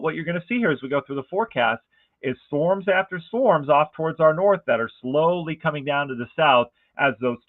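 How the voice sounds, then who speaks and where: A man giving a casual, conversational weather forecast, excited about the pattern and often asking viewers rhetorical questions. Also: on the high side, no room sound. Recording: dry, phone-like narrow band.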